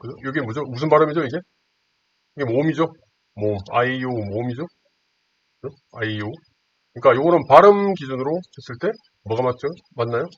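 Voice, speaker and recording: A man's voice: medium pitch, lively intonation, a little fast. Man explaining, asking rhetorical questions. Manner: asks rhetorical questions, repeats key points. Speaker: instructor. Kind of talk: screen-recorded lesson. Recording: dull lo-fi audio with faint hiss.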